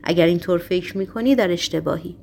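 A woman reading the part of a calm, gentle male prisoner who answers earnestly and without fear. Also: fairly low pitch, vocal fry, slight background noise.

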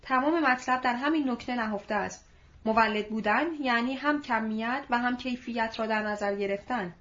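A woman voicing a confident older male company manager in an audiobook reading, calm and measured. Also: fairly high pitch, natural voice. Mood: assured. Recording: dull lo-fi recording.

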